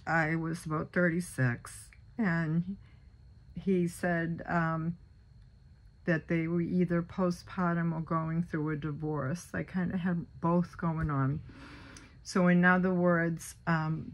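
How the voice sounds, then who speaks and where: Woman, 60s, low voice; rambling casual vlogger, heavy on fillers. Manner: rambling, many fillers and restarts. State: a little choked up. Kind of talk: casual personal monologue.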